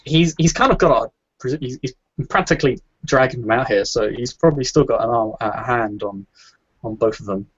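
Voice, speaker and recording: A man playing a tabletop game, describing his character's actions in a halting way, on a dry, dull lo-fi recording. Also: mid-range voice, husky, no echo. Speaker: player. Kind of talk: casual tabletop play.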